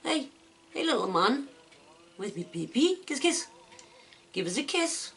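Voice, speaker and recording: A woman's voice: high voice, sing-song, unhurried, gravelly, fairly bright tone, slight background noise. A woman at home, coaxing and praising her pet bird in a sing-song baby-talk voice. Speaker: pet owner. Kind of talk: casual chat to a pet bird. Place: indoors at home.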